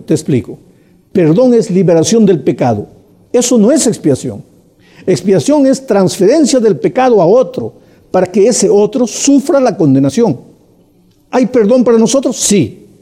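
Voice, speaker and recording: Husky, dark-voiced male preacher. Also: sits high. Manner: earnest, explanatory, addresses listener directly. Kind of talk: sermon.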